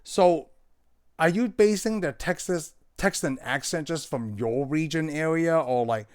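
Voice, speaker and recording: A man's voice: a little high, measured pace. A man co-hosting a casual film discussion, asking questions tentatively and often checking for agreement. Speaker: movie podcast co-host.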